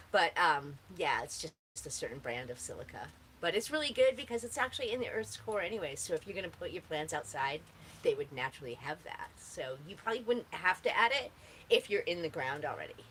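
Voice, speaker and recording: Woman, somewhat low voice, stoner-ish rambling chat, easygoing, faint outdoor background noise. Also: a bit bright, low-quality recording. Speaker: host answering gardening questions.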